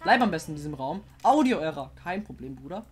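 A woman playing a horror game and commenting, jumpy and excitable, often swearing and coaxing the monster on screen. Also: deep voice, a little fast, faint music behind. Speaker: let's player.

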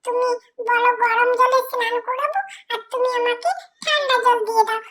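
A woman's voice: steady tone, normal speed, a bit bright. A woman voicing a playful little boy god who whines and giggles about a cold bath, in a doll role-play vlog. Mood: complaining. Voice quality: high childish squeal, giggly. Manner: whiny and pleading, breaking into giggles.

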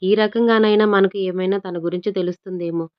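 A woman voicing a steady young man. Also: mid-range voice, fairly quick, clean tone, highs cut off, natural voice. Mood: plain.

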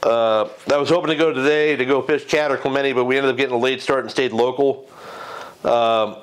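Talking off the cuff into a lapel mic, this middle-aged man hosts a loose fishing report in front of a green screen in his garage at home. His mid-range voice is smooth and steady, a little fast, full of fillers and self-corrections, and the recording is rough.

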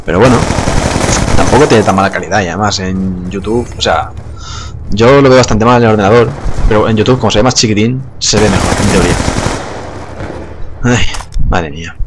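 Low-voiced young gamer, chatty. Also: male voice, a little fast, pauses often, noisy background. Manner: relaxed, chatty, swears casually, laughs often. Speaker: gaming youtuber. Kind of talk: casual gameplay commentary. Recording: gunfire behind the voice. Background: game gunfire and explosions.

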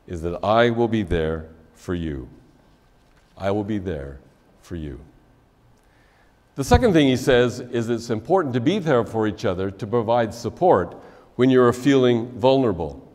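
A man in his sixties preaching a measured wedding sermon as officiant, his phrases dropping softly at their ends, in a church sanctuary. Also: medium pitch. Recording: long church reverb.

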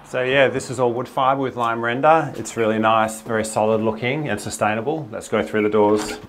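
An enthusiastic Australian architect in his forties gives a casual house tour, walking through and around a large suburban home wearing a clip-on mic. His medium-pitched, steady voice is fairly quick and upbeat, full of fillers, with slight background noise.

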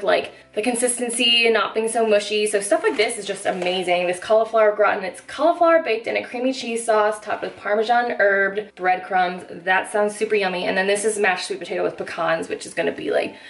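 A woman's voice: mid-range voice, fairly quick, few pauses. A young woman filming a casual grocery haul vlog in her home kitchen, talking to the camera in an upbeat, chatty way full of "like" fillers. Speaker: vlogger.

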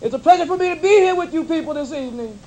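High-voiced comic in preacher mode. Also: male voice, animated, rapid-fire, dark tone, lo-fi sound. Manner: preacher cadence, folksy slang. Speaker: stand-up comedian. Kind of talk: preacher-persona stand-up routine. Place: live comedy stage with audience.

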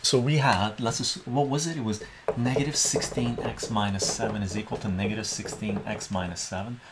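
Here a middle-aged man, born in Iran and a native Armenian speaker, tutors math casually at a whiteboard in a small room at home, peppering his talk with "right?". He speaks fairly quickly in a low, steady voice, with background noise present.

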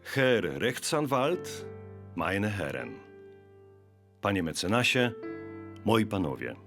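Casting: male actor as dignified German mayor, medium pitch, expressive ceremonial oratory with clear music behind, historical audio drama. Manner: ceremonial, measured declamation. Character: formal, dignified German mayor handing over his city.

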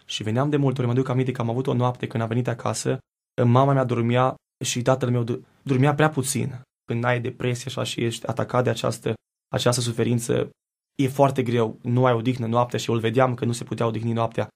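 A man speaks in a gravelly, creaky voice, telling his faith story in a TV studio interview. His delivery is earnest and reflective, and he often pauses and restarts as he searches for words. His pitch stays fairly even throughout. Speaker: guest singer. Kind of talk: personal faith testimony.

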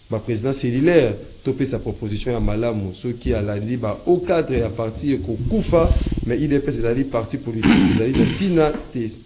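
Man, host reading comments, mellow dark tone, halting with fillers. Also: medium pitch. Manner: halting reading with many fillers, mixing French and Lingala. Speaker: radio host reading listener messages. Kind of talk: reading viewer comments aloud on a talk show.

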